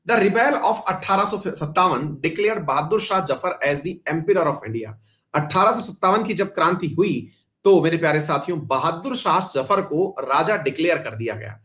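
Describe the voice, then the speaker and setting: Guy teaching an online exam class, high voice, chatty, keeps calling out to students, throws in english words. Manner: chatty, addresses students warmly and often; mixes English terms into his talk. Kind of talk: live online history class.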